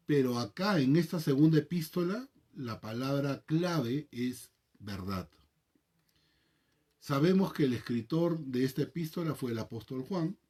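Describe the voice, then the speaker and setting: A man with a Peruvian Spanish accent, a pastor leading a Bible study, reading scripture aloud, praying and explaining the text in a measured way. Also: medium pitch, dark tone. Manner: measured, reads scripture then prays and explains.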